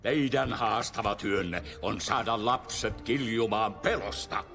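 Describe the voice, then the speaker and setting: An actor voicing a stern, formal elderly male monster boss who lectures his trainees, in an animated film dub. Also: lowish voice, creaky, faint music behind. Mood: lecturing.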